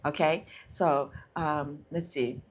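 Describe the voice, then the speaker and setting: A middle-aged woman with a low, steady voice speaks slowly while hosting a casual motivational live stream. She's warm and encouraging, talking through her fears out loud and reading viewers' comments, and she's picked up by a handheld or clip mic.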